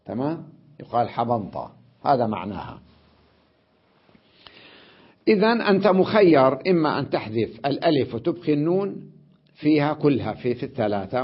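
A man's voice: medium pitch, husky. A male scholar giving a classroom grammar lesson, explaining step by step and often checking that students follow. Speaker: Islamic scholar teaching grammar. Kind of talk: classroom lesson on Arabic morphology. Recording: dull lo-fi recording.

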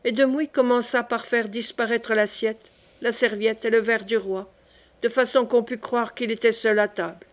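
A woman's voice: fairly high pitch, fairly even intonation, moderate pace. Woman narrating an audiobook.

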